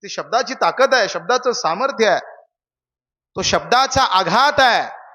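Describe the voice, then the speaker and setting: High, bright young kirtan preacher. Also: male voice, animated, measured pace, long reverb tail. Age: young adult. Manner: questions the audience, preachy storytelling. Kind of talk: Marathi kirtan sermon.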